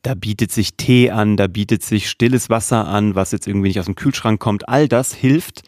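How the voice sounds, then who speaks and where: A man in his thirties hosts a solo podcast and coaches his listeners on using their voice. His voice sits low, and the sound is close and dry, with no room around it. He talks in a lively, chatty way. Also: normal speed, no echo. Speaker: podcast host.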